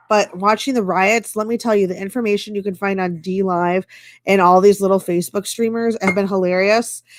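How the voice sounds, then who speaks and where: A woman's voice: medium pitch, no room sound. A woman hosting a casual live-stream chat, rambling along with lots of fillers. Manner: chatty and rambling, with many fillers. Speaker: stream host.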